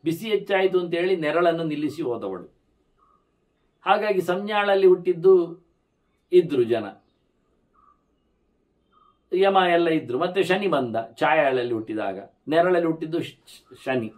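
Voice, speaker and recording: An older man delivers a religious discourse as a lively storyteller. His voice sits a little high. He swings his pitch and loudness as he acts out the figures in his stories. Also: a little slow, pauses often. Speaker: scholar giving a religious discourse.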